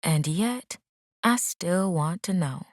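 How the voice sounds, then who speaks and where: A woman's voice: on the low side, expressive, slow pace, dry recording, clean studio sound. A woman voicing a nosy young female cousin in an audiobook, with playful, sly teasing.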